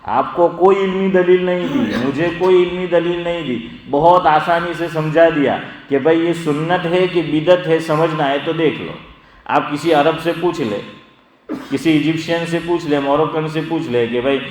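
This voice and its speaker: A middle-aged religious scholar giving a sermon-style lesson, quizzing his listeners and calling on them by name as he slowly drills pronunciation. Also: a little high. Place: gathering hall, evening assembly. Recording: echoey hall with long reverb.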